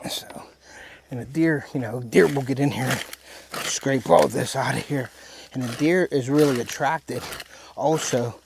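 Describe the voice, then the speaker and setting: Folksy guy doing a hunting how-to out in the woods, talking as he works, tractor rumbling behind him. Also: a little slow, gravelly, noisy background. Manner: folksy, talks while working with his hands. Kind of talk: casual step-by-step outdoor demonstration. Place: outdoors in the woods. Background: tractor rumbling nearby.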